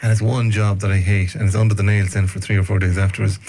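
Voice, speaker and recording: A man's voice: lowish voice, flat delivery, fast talker, background noise. A man with a west of Ireland accent hosting a casual, chatty radio interview. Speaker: radio host.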